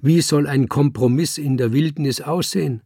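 A young woman turned cold and wild-minded speaks in flat, withdrawn lines, as a man reads her in an audiobook. The voice is creaky and husky, set in a dry, close recording. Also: fairly high pitch, moderate pace, dry recording, pitched above the performer's own voice.

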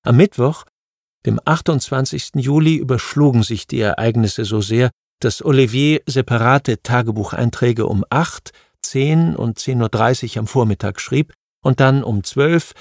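A man narrating a history audiobook in a measured, even reading. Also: medium pitch, no room sound, studio quality. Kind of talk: scripted narration of history nonfiction.

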